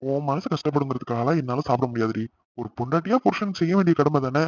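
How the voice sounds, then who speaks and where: A man voicing a young husband in an animated series, talking brusquely and dismissively and fumbling for excuses. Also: medium pitch, fast talker, highs cut off, close to an everyday voice. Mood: gruff. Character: young husband, gruff and evasive.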